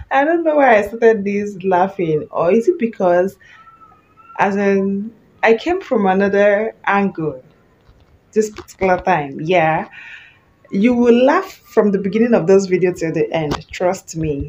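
A woman's voice: mid-range voice, darkish tone, slight background noise. A Nigerian woman vlogger giving a chatty, giggly introduction to her video. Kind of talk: casual vlog intro. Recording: roomy, distant, dull home recording.

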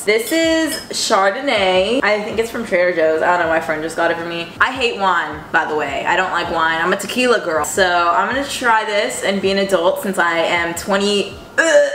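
A woman's voice: medium pitch, a bit bright, a little hiss or hum. Chatty young woman in an echoey kitchen. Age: 20s. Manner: chatty, rambling, playful. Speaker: vlogger. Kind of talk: casual chat to camera. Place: home kitchen. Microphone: fixed camera on counter.

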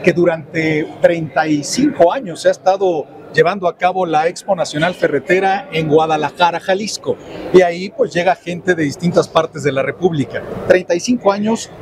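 A middle-aged Mexican man with a notably high voice runs an upbeat, promotional interview at a trade show booth, turning now and then to speak to the viewers. He wears a lapel mic, and the busy, noisy expo floor carries on clearly behind him. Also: moderate pace. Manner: upbeat, promotional, addresses the audience directly.

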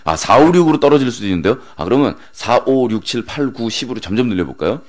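A man's voice: medium pitch, expressive, fast talker. A man in his thirties hosting late-night radio, teasing listeners and rattling off long rhythmic word lists. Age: 30s. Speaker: radio host. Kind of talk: late-night radio talk with rapid word-chain recitation.

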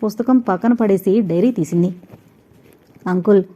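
A woman narrating an audio novel in a steady storytelling manner. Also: mid-range voice, fairly quick. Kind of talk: scripted narration.

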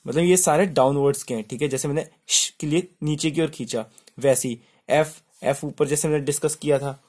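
A man's voice: a little high, steady tone, fairly quick, darkish tone, husky. A male shorthand teacher giving a step-by-step tutorial, spelling words letter by letter and repeating "simple" and "okay".

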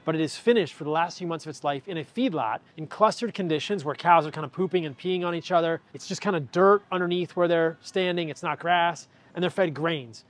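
A man's voice: fairly high pitch, brisk, few pauses. A man in his forties, explaining with energy and emphasis in a large indoor grocery store, speaking into a lapel mic. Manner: energetic and emphatic, gesturing while holding products. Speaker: health educator and video host. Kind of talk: on-camera explainer.

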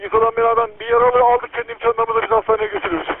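Tinny police radio, fast-talking man. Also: extremely high pitch, very animated, creaky, crowd noise. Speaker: police officer.

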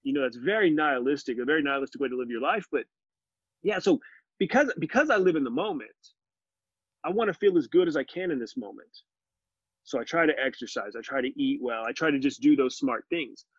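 With a fairly high, husky voice, a fortysomething man talks earnestly and animatedly as a guest in a casual podcast interview. He's on a video call from a living room full of bookshelves, and the laptop microphone renders the recording muffled and dry.

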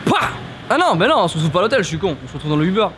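A fairly high-pitched young man in his twenties talks straight into a handheld camera on a busy city street. He jokes and swears freely in an excitable, casual vlog tone. Traffic and street noise come through clearly behind him. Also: very fast. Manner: joking, excitable, swears a lot. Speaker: vlogger.

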